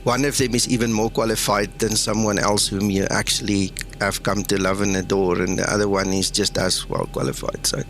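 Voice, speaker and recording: A man's voice: on the low side, little pitch movement, brisk, few pauses, fairly bright tone, slight background noise. A man from South Africa with an Afrikaans accent, chatting casually as the host of a flight sim livestream.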